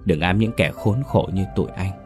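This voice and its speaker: Story voice: man playing hoarse, resigned older servant, low and grim. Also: normal speed, a little mellow, soft background music, lightly acted. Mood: grim warning.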